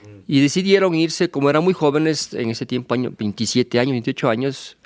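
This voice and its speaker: A man, a guest author answering interview questions in a relaxed, rambling way with asides. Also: medium pitch, fairly quick, dry recording. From Ecuador.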